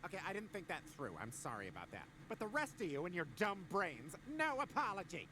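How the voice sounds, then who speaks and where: A man's voice: high-pitched, big pitch swings, a little fast, sharp tone, slight background noise, heavily acted, poor audio. A man voicing a snide, flamboyant cartoon space alien who lectures in a haughty, condescending way. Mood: indignant.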